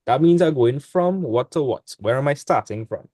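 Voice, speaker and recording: A man's voice: mid-range voice, lively intonation, normal speed, warm tone, no room sound. A young man, tutoring maths in a casual online class. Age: young adult. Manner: casual, laid-back teaching with dialect speech. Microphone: video call.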